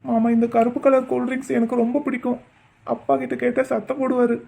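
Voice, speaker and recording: A woman's voice: a little high, level tone, fast, vocal fry, mellow, husky. A woman voicing a cheeky, bossy schoolboy in a cartoon. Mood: pleading. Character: mischievous schoolboy, nephew of the uncle. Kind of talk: Tamil cartoon dubbing.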